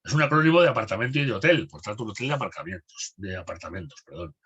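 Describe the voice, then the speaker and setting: A man teaching a spelling lesson for an exam course, reading words and definitions one after another in a steady list, with a Spanish accent from Spain. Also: on the low side, very fast, breathy edge, highs cut off.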